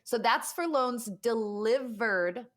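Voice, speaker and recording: A woman's voice: fairly high pitch, takes it slowly. A woman co-hosting a podcast, chatting casually in a forthright way and swearing freely. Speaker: podcast co-host, mortgage lender.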